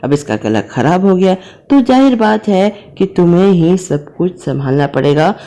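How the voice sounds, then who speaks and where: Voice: medium pitch, lively intonation, moderate pace, warm tone, lightly acted. A narrator voicing a stern older mother who runs the family business, bossy and teasing. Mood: commanding.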